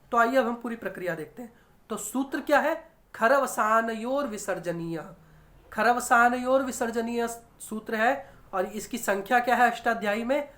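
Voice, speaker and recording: A woman's voice: on the high side, a bit bright. A woman teaching an online grammar lesson, explaining step by step and asking and answering her own questions. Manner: addresses viewers as friends, often says okay.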